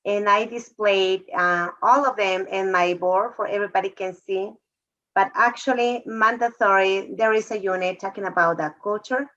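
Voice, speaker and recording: On a video call discussion, a Mexican woman who teaches fourth grade talks in a mid-range voice. She comes across warm and emotional, her phrasing halting, captured through dull, low-fidelity call audio.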